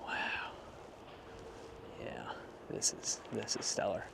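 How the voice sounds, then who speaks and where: A photography vlogger strolls by a frozen lake in the cold, thinking out loud in relaxed, muttered remarks. He speaks slowly with a sharp tone, while noisy wind and clear outdoor ambience fill the recording.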